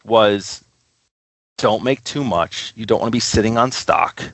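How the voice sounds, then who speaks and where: Here the record label co-founder talks at a measured pace in a voice on the low side, captured in a dry, rough recording. As a podcast guest in a casual interview, he rambles enthusiastically about his work.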